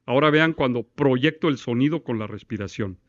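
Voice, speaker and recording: Man lecturing a class, shows voice drills and keeps asking the room questions, mid pitch, kinda muffled recording. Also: normal speed. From Mexico. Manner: demonstrative, asks the class questions, recites verse in one breath. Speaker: law course instructor.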